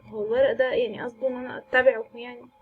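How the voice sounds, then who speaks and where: A woman's voice: on the high side, little pitch movement, very fast, breathy edge, narrow, tinny audio. A woman with an Egyptian Arabic accent giving jumpy, chatty commentary while playing a horror game, reacting aloud to scares and mixing in English words. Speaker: gaming channel host.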